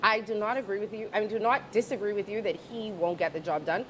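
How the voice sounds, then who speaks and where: A woman co-hosting a talk show, expressive and skeptical, also reading sponsor plugs. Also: fast, low-quality recording. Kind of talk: casual talk show chat. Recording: audible background rumble.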